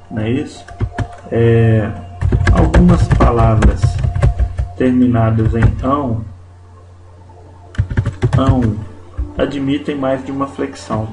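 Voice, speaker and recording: A man teaching a Portuguese grammar lesson, speaking slowly and deliberately and often checking in with his listeners. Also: medium pitch, echoey room, poor audio. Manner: slow and deliberate, checks in with "né?" and "não é isso?".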